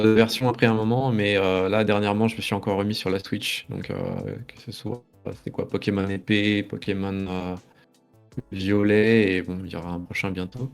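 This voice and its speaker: A man's voice: lowish voice, clean tone. A man in his thirties from France, a guest in a casual interview, talking in a rambling, hesitant way as he reminisces. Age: 30s.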